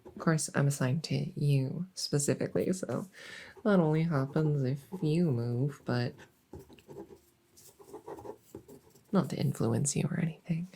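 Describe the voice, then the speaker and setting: In an ASMR audio roleplay, a woman plays a harmless, silly female monster from under the bed, conducting a one-sided, improvised-sounding interview. Her low, soft, mellow voice has a creaky edge, and she sounds musing and hushed, rambling haltingly and earnestly like an awkward interviewer. A slight hiss or hum is audible.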